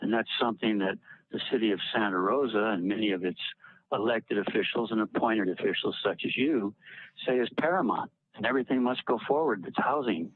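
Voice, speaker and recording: A man's voice: fairly low pitch, brisk, husky, no echo. Man on a tinny flip phone call. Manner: earnest, urging. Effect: old flip phone call. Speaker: public commenter calling in. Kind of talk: public comment at a civic meeting.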